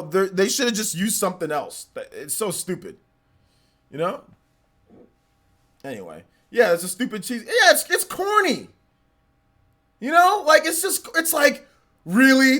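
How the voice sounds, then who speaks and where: Streamer, male, forties: bright, sharp-edged voice, ranting and repetitive, exasperated live reaction. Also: sits high, big pitch swings, a little slow, long pauses. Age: 40s. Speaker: livestreamer.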